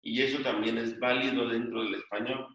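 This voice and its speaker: A man's voice: medium pitch, flat delivery, fairly quick, fairly bright tone. A male teacher explaining a grammar point to his class and dictating notes, often repeating phrases. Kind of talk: classroom lesson. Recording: echoey room, voice from a distance.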